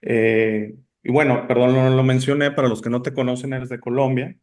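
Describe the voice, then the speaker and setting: Hosting a casual interview, this man, born in Italy, rambles chattily, full of filler words and restarts. He speaks at a moderate pace in a level, mid-range voice with a slight mellowness.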